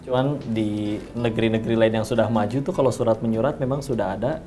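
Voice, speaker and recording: A male host in a conversational talk about faith, often answering with short affirmations and explaining points calmly. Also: lowish voice, quick pace.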